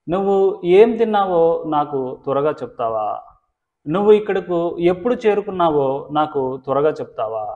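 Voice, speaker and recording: A man with a Telugu accent teaches spoken English in a fairly high voice. He explains things patiently and slows to a crawl on each model sentence. The sound is thin and tinny, like a phone line. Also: darkish tone.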